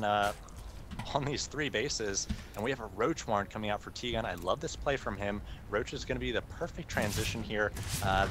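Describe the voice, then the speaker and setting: A man in the middle of a pitch range gives live game commentary in an easygoing, chuckling way, leaving lots of "uh"s as he thinks. Steady hiss and hum sit under his voice on a noisy home mic. He sounds like a regular co-caster talking it through. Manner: relaxed, chuckling, thinks aloud with many fillers. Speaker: esports caster.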